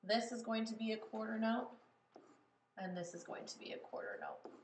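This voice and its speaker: A woman's voice: on the high side, very animated, moderate pace, reverberant, slight background noise. A woman music teacher explaining step by step in a patient classroom manner. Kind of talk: classroom lesson on writing melodies.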